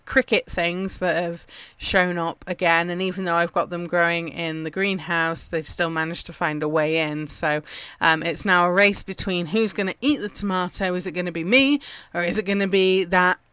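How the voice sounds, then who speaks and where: A woman's voice: lowish voice, fairly even intonation, moderate pace, fairly bright tone, smooth, no echo. A woman from England hosting a gardening podcast, chatting casually with lots of fillers as she gives upbeat tips. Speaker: podcast host.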